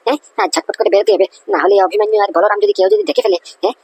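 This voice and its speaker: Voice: medium pitch, lively intonation, very fast, a little mellow, breathy edge. A performer voicing a hesitant, fawning young man in a cartoon comedy, hinting that he needs money. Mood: wheedling. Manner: hesitant, fawning, filler-heavy. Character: wheedling young male sidekick asking for money.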